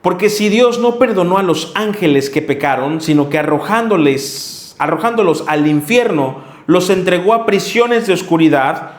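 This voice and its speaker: A man's voice: high voice, expressive, normal speed, hardly any pauses. A man preaching a sermon, reading Bible verses and earnestly scolding his listeners. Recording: echoey room.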